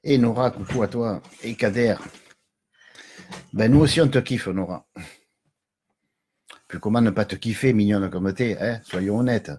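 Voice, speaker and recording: Low husky-voiced man hosting a live chat. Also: measured pace, pauses often, a little mellow. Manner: chatty, jokey, chuckles often. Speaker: live stream host. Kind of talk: casual live chat greeting viewers.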